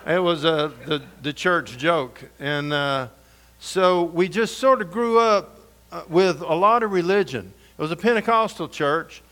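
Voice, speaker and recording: A middle-aged man preaching a storytelling sermon, folksy and humorous, going soft and intense for scripture. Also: on the high side, unhurried.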